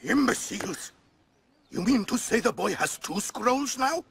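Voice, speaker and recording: A man's voice: very high voice, sing-song, a little slow, vocal fry, fairly bright tone, a little hiss or hum, full character voice. A man playing an angry, scornful villain boss in a video game. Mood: outraged. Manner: scornful, irate. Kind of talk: video game character acting.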